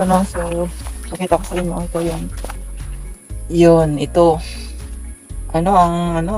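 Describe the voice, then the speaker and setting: In a casual outdoor vlog, a young farming vlogger walks through his bean garden, apparently filming on a phone, and trips over his words with frequent fillers and pauses. He has a mellow voice on the high side, captured in a low-quality recording.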